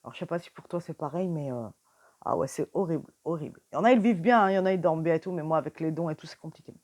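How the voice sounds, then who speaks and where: A tired young woman gives a casual tarot reading, talking straight to the viewer with many fillers and whispering questions to the cards. Her low-pitched voice is very fast and a little mellow.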